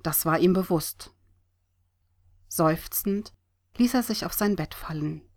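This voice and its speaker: A woman narrating an audiobook in a steady, expressive reading voice. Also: lowish voice, slow pace.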